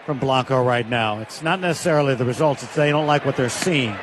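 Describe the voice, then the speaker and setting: A man giving radio baseball color commentary, talking through the game in relaxed, conversational analysis. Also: mid-range voice, brisk, background noise.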